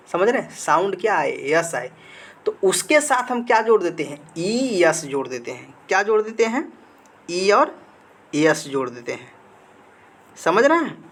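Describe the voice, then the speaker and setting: A man's voice: high-pitched, fairly bright tone. A male grammar teacher giving a slide lesson. He keeps asking the students questions and answers them himself, repeating key words. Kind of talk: classroom-style lesson with slides.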